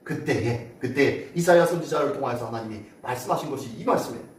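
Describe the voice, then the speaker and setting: A man's voice: medium pitch, quick pace, a little mellow. A male pastor preaching a Sunday sermon in a church, urging the congregation on and acting out cries to God. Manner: dramatic, exhorting preacher who acts out prayers. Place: church sanctuary. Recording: echoey church, voice far from mic.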